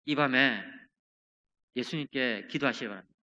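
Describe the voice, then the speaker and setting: A middle-aged male pastor preaching a sermon, earnest and shifting between emphatic and hushed delivery. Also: medium pitch, normal speed, lo-fi sound. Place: church sanctuary. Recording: church hall reverb.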